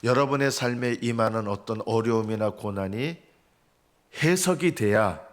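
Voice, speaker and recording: An earnest male pastor preaching a dawn sermon in a church. His voice sits at an ordinary middle pitch. He rises into emphatic cries, then falls back to hushed, low remarks. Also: normal speed. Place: church sanctuary.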